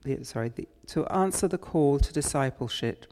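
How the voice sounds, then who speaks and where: A man preaching a sermon in church, retelling scripture in an unhurried, reflective way. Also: mid-range voice, expressive, a little mellow. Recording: long church reverb.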